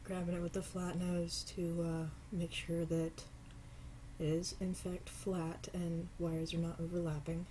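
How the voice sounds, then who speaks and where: At a craft table in her home, a woman with a deep, congested voice casually explains how to make earrings one step at a time. Her pace is easy and unhurried, she occasionally breaks off to say sorry, and a light hiss runs underneath.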